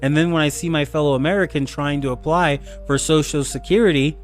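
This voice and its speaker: A man's voice: a little high, fairly even intonation, a little fast, faint music behind. A man giving an impassioned political monologue full of rhetorical questions.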